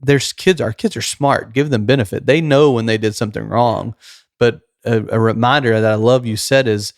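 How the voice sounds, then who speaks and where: A man in his thirties hosting a casual podcast, sincere and direct, sharing plain sayings from his own life. His pitch is ordinary, in the middle range. The recording is dry and close, with no echo. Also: steady tone, normal speed. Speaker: podcast host.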